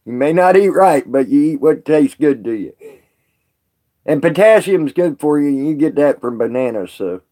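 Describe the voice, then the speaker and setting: A man's voice: on the high side, animated, moderate pace, long pauses, mellow. A man chatting casually on a live stream with viewers, rambling and folksy, laughing often.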